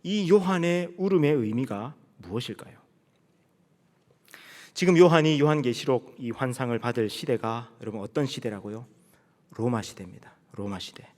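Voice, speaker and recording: A man preaching from the pulpit, with a pitch that sits in an ordinary middle range. He moves from forceful rhetorical questions to quiet, hushed phrases and reads scripture slowly and solemnly. His voice carries a long reverb from the church sanctuary. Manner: rhetorical questions, emphatic preaching with swells and drops; slow solemn scripture reading. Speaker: pastor. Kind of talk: sermon.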